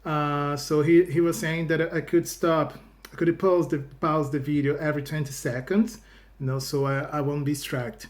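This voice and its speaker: A fairly high-pitched man talks at normal speed in a level tone while hosting a casual reaction video for YouTube viewers. He is Brazilian, a native Portuguese speaker using English with a Brazilian accent, and he often restarts phrases and plugs gaps with "you know."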